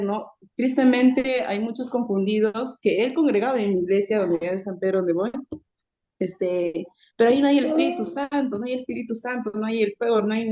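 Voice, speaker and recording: A woman's voice: a little high, dark tone. A woman tells a personal story in an online Bible class over a video call. She acts out the dialogue and hesitates often with fillers.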